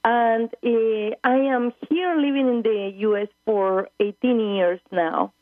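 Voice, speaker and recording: A fortyish woman from Argentina, a spiritual travel leader, joins a phone-in interview as a guest. Her voice is on the high side and slow, with no room sound, and the line is tinny. A native Spanish speaker with an Argentine accent, she searches earnestly for the right English words.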